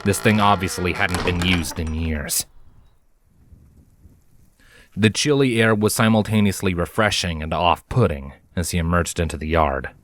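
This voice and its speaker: A low-voiced man reads fiction from a script in a storyteller's manner at a measured pace. His tone is a bit bright, and the dry recording carries no room sound.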